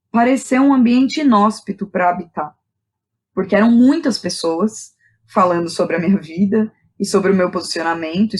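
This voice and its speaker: Speaking in a lowish voice with a darkish tone, a Brazilian woman guests on a podcast interview. A playwright and director, she tells personal anecdotes openly and informally, sprinkling in slang and tag questions.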